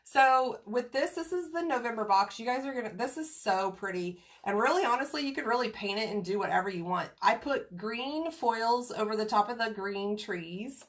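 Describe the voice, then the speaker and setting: Brief: woman, congested and scratchy from a cold, chatty rambling craft livestreamer, slightly high voice. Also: lively intonation, moderate pace, few pauses. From Kansas, USA. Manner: chatty, rambling, greets viewers by name. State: getting over a cold. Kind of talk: casual craft livestream chat.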